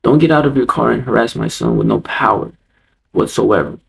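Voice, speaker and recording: A man mimicking his fierce, protective mother in a storytime vlog, in a sharp, indignant tone with a gravelly voice. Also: mid-range voice, brisk, pitched below the performer's own voice, poor audio.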